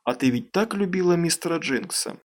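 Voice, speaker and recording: A man reading a calm, gentle father. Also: a little high, brisk, voice pushed up. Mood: soothing. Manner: soft, calm, soothing. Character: gentle, firm middle-aged father.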